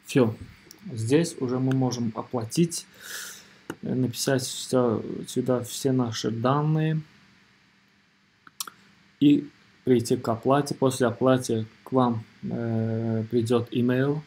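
A man narrating an informal screen tutorial as its presenter, in a hesitant, halting way, often repeating himself. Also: medium pitch, fairly even intonation, dark tone, slightly rough. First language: not Russian or rusty Russian speaker living abroad.

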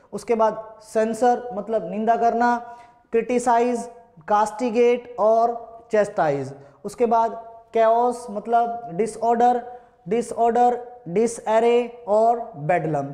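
A man's voice: sits high, dark tone. A man with an Indian accent teaching English vocabulary in an online lesson, asking the same question again and again and spelling words out letter by letter. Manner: drills words with repeated call-and-answer questions. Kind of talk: classroom-style online lesson.

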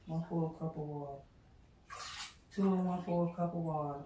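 This home cooking vlogger, a middle-aged woman, keeps up a relaxed, filler-heavy chat with viewers, peppered with "y'all." Her voice is low and dark, steady and moderately paced, captured by a far-off counter camera that gives roomy kitchen sound and slight background noise.

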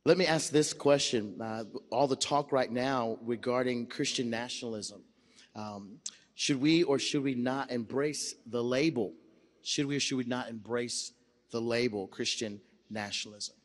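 A man's voice: mid-range voice, measured pace. Man moderating a conference panel. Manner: relaxed, repeats words while framing questions. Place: large conference hall stage. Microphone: handheld mic.

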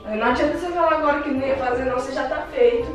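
A woman's voice: high voice, fairly even intonation, racing, soft background music. A young woman with a Brazilian accent talking casually in a prank vlog, emphatic and repetitive. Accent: Brazilian Portuguese. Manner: emphatic, repeats herself, uses slangy address. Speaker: vlogger girlfriend pulling a prank. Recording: echoey room.

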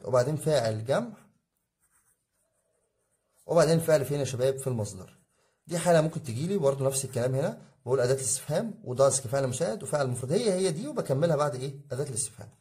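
An Egyptian-accented man teaches an exam review at breakneck speed. His voice is dark and warm, never sharp. He keeps asking the class questions and answering them himself, drilling each rule. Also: mid-range voice, lively intonation, rapid-fire. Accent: Egyptian Arabic. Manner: addresses students as guys, drilling rules. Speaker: English teacher.

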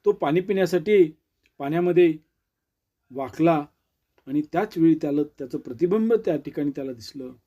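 A man tells a motivational story in a high but mellow voice. He speaks earnestly and lifts his pitch on key words. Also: moderate pace, dull audio. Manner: earnest, with rising emphatic stresses.

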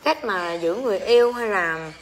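A woman's voice: medium pitch, animated, moderate pace. A woman with a Southern Vietnamese accent, hosting a casual livestream and ranting to her viewers in a crude, exclamatory, rambling way. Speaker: livestream seller and host.

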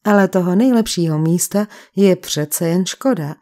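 A woman voicing a falsely friendly male sanatorium doctor who smoothly persuades his patients, in an audiobook. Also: fairly low pitch, warm tone, lightly acted. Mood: persuasive.

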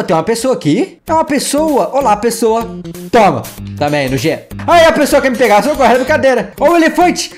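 A man giving playful, excitable gameplay commentary as a gaming YouTuber, full of exclamations. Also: high-pitched.

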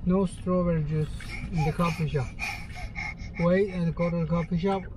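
A man's voice: a little high, fairly even intonation, normal speed. A man, chatting casually with his family inside a car. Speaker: father in a family eating vlog. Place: inside a parked car at night. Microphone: camera in the car, at a little distance. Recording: distant, very noisy car interior audio.

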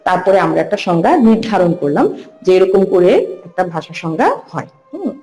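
A woman teaching a recorded lesson, asking questions and answering them herself and repeating key terms slowly. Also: lowish voice, lively intonation, dark tone. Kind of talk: recorded online lecture. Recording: echoey room with faint music.

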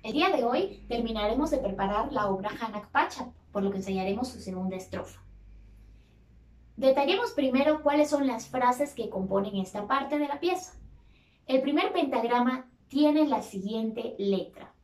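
A woman's voice: on the high side, animated, a little mellow, roomy sound. A woman teaching a children's choir, patiently explaining pronunciation and singing each phrase to show the melody. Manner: slow, patient explaining with sung demonstrations. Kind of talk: sung vocal lesson for children.

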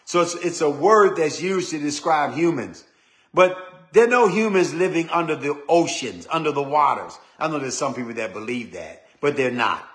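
An older man preaches in a teaching style. His voice sits a little high for a man, and he stumbles and restarts on words before stressing the important ones. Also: lively intonation, moderate pace, a bit bright. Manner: repeats words and restarts often, stresses key words. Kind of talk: teaching sermon.

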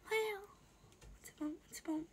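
Soft-whispering high-voiced young woman. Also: fast talker, a little hiss or hum. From Shizuoka, Japan. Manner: soft-spoken, often drops into a breathy whisper. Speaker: idol livestreamer. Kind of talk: casual livestream chat reading viewer comments.

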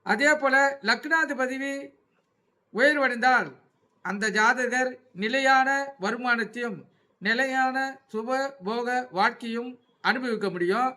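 A man giving an astrology lecture, speaking in measured phrases and often dropping his voice for a repeated reminder to take note. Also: pushed and bright. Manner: measured, repeats a low-pitched refrain telling listeners to take note.

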